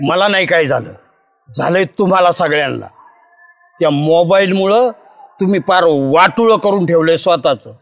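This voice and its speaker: A man's voice: high-pitched, moderate pace, fairly bright tone. A man playing a village elder who lectures everyone in a scolding, preachy way. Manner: scolding, preachy advice-giving. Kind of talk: rustic comedy web series acting.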